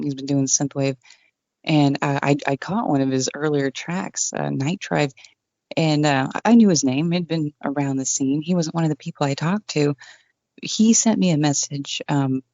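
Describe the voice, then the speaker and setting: A woman with a low voice, an online radio DJ, is a relaxed and self-deprecating guest in a casual interview chat. She uses a condenser desk mic with a pop screen in an untreated home room, giving a dull, dry, muffled sound.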